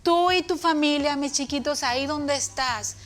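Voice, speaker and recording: Leading a children's church lesson at a moderate pace, a woman with a Latin American Spanish accent talks gently to the kids and thunders out dramatic commands within her story. Soft music plays in the background.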